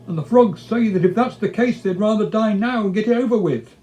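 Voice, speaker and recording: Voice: medium pitch, fairly quick, mellow, voice pushed up, natural voice. A performer voicing an urgent, loyal and suspicious lion in a storybook reading, speaking in a hurry. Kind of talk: storybook character voice.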